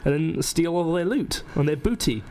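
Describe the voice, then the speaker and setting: A man's voice: fairly high pitch, lively intonation, moderate pace, a little mellow. A young man co-hosting a casual radio show in a studio, playful and bossy. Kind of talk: casual banter on student radio.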